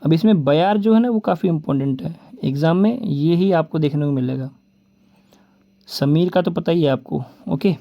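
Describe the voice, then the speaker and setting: A man with a Rajasthani Hindi accent and a fairly high, gravelly voice teaches an exam-prep vocabulary lesson, and the recording has its highs cut off. He reels off word lists rapidly, often repeating "ठीक है" and "बोलते हैं". He calls his viewers "दोस्तों" and "भाई".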